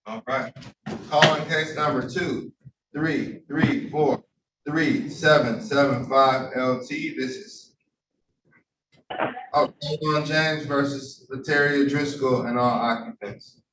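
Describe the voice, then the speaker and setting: A man's voice: mid-range voice, steady tone, slow. A man presiding as a judge over a remote hearing, formal and polite, with frequent hesitations, heard as a courtroom recording. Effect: courtroom recording from a distant room mic. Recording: roomy courtroom audio from afar, faint hum.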